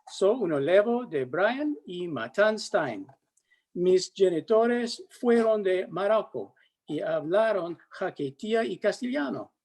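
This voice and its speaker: An older man and retired teacher speaks in a careful, halting way, as a learner still finding his words. His voice sits high and moves slowly. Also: a little mellow. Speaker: language student. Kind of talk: reading a dialogue and self-introduction.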